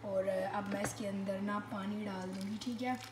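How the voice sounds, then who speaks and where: A hoarse woman talking casually in a home vlog, explaining things as she cooks in her kitchen. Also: medium pitch, fairly even intonation, normal speed, background noise. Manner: whispering hoarsely at first; chatty, cooking while explaining. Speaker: vlogger.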